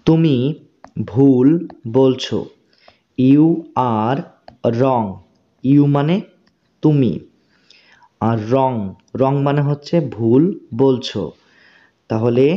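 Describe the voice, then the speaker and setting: The recording is lo-fi, and the man's voice is medium in pitch as he teaches spoken English at a slow, patient pace. He repeats words one by one, often pausing to check the learner's understanding.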